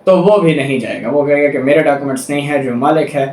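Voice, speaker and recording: With a slightly high, darkish voice, a Pakistani-accented man reads out statutes in a law lecture. The English reading is slow and deliberate, while his explanations come quicker in Urdu mixed with English legal vocabulary. The echoey room is recorded from a distant mic.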